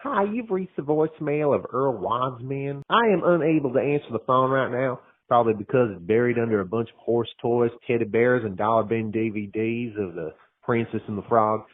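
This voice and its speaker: A man's voice: mid-range voice, brisk, close to an everyday voice. A man doing a folksy vet's tinny voicemail greeting. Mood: nervous politeness. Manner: friendly, nervously polite. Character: folksy, flustered male livestock vet on voicemail.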